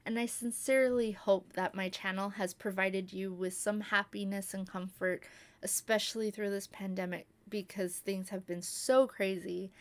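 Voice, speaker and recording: A woman YouTube creator talking casually to her viewers, soft-spoken and rambling with many fillers. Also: medium pitch. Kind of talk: casual talk to camera.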